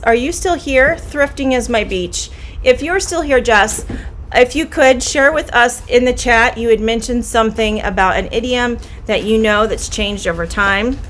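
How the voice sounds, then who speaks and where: A friendly middle-aged English teacher with a Midwestern American accent runs a live-streamed idiom lesson, explaining slowly and patiently and repeating phrases. Her voice is fairly high and fairly bright, with slight background noise.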